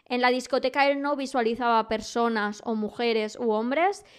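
Lively young Spanish woman, gossipy chat. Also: a little high, normal speed, clear, resonant tone. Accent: Spain Spanish. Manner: animated, gossipy, exaggerates with quoted voices. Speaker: podcast host. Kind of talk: casual chat.

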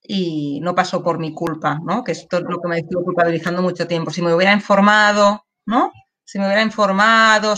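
A woman's voice: on the low side, bright, forceful tone. A woman, a guest in an interview, speaking candidly and emotionally with many restarts and tag questions. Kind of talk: personal testimony in an interview.

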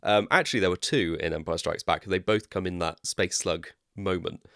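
A man with a West Country accent talks in a very deep, low voice. He explains things in a chatty, rambling way and laughs at his own tangents. The sound is dry and close, with no room echo. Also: fairly even intonation, moderate pace, vocal fry, a bit bright. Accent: West Country English. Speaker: podcast co-host. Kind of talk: casual chat.

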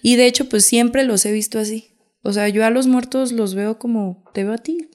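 Mexican woman guest, casual storyteller, lively, acts out the voices in her stories. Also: on the high side, moderate pace. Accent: Mexican Spanish. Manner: lively, acts out quotes, frequent fillers.

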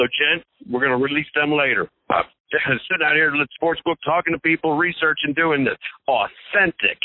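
Male regular co-host, mid-pitch, rambling and jokey with stammers, phone-line audio. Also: dry recording. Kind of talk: casual podcast chat. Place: Las Vegas hotel. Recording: tinny phone line, dry.

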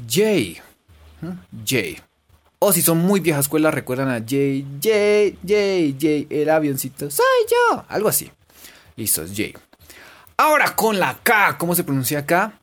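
Lively-voiced woman, playful and chatty, teaching English to beginners. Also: low-pitched, takes it slowly. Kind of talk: casual online lesson.

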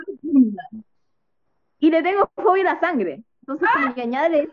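Young Chilean woman, rambling chatty storyteller, rather high voice. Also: very animated, moderate pace, background noise. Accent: Chilean Spanish. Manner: rambling, filler-heavy storytelling. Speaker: storyteller guest. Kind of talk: casual chat. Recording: dull lo-fi dry sound.

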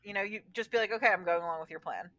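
A woman's voice: mid-range voice, rapid-fire, a bit bright. A woman co-hosting a podcast, chatting casually with many fillers while quoting people. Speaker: podcast co-host. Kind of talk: casual recap chat. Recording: dull lo-fi sound.

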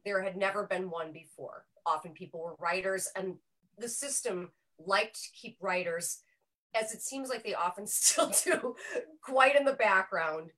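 Bright-voiced woman presenting a film. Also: mid-range voice, measured pace, rough recording. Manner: chatty, explanatory, self-correcting. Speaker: panel member presenting a film pick. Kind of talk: casual film discussion. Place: small room with a group around one mic.

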